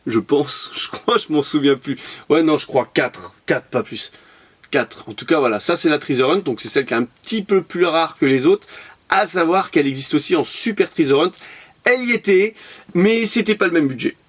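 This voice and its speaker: A man from France talks through his collection in a relaxed vlog, his voice sitting a touch higher than most men's. He rambles, repeats words and jokes about himself as he goes. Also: normal speed, breathy edge. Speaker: collector presenting his purchases. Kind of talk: casual unboxing vlog.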